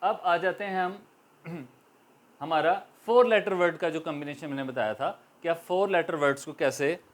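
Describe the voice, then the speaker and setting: A man from Pakistan with a Pakistani accent giving a slow, patient grammar lesson, drawing out each example word. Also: fairly high pitch. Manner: slow, patient explanations with repeated drawn-out example words. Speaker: teacher. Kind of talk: classroom grammar lecture.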